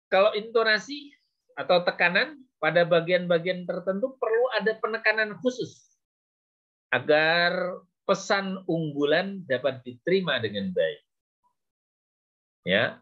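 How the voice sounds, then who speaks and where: A man lecturing on public speaking, with many short fillers and a measured, explaining manner. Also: sits high, sing-song. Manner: slow, with frequent "ya" and "gitu ya" fillers. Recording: dull lo-fi recording.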